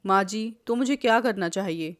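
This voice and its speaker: A woman's voice: medium pitch, normal speed, no room sound, clean studio sound, close to an everyday voice. A woman voicing a timid, meek young wife in a family story. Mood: tearful. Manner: meek, pleading. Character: timid young wife, tearful then defiant.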